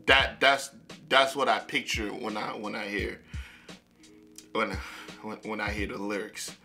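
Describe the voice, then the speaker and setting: A man hosting a music reaction video, talking in an excitable, slangy way and often repeating himself. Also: on the low side, a little slow. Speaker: music reaction channel host. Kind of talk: casual reaction commentary.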